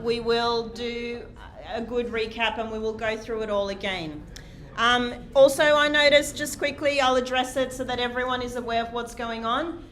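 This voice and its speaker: Lecturing a large university class in a lecture hall, a woman with a slightly high voice speaks loudly and projects. She's chatty and self-deprecating, with many "um"s. She uses a lecture microphone and sometimes drifts off-mic while walking.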